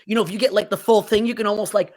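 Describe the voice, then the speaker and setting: A man's voice: high-pitched, steady tone, very fast, a little mellow. Podcast guest, man, easygoing, rambly, jokey. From New Jersey. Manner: rambling, playful exaggeration. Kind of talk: casual chat.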